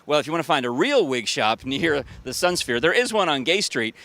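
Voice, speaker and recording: A man's voice: on the high side, very animated, fairly quick, pushed and bright. A man hosting a local TV feature outdoors in a city park, giving an upbeat, folksy tour-guide delivery. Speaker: TV host. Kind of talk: TV feature presenting.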